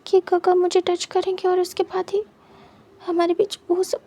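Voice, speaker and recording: A woman's voice: extremely high pitch, completely flat delivery, normal speed, mellow. A woman voicing a young woman friend who talks hesitantly and defensively.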